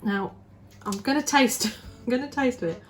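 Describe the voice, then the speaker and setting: The host's mother, a middle-aged home baker, rambles casually as she bakes, restarting often and saying "you know" a lot. Her voice is high-pitched at a moderate pace, heard over music.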